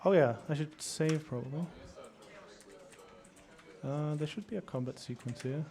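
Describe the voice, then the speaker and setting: A man giving casual live gameplay commentary in a hesitant, halting way as he explains the game. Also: fairly high pitch, dark tone. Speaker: speedrunner. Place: live event with small audience. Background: game music and sound.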